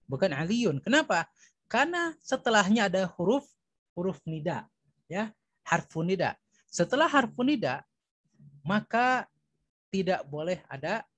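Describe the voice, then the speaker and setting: Husky indonesian guy explaining arabic grammar, dry close sound, keeps saying ya. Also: high voice, a bit bright, dry recording, low-quality recording. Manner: repeats terms, fills with "ya" and "nah". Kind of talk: recorded grammar lesson.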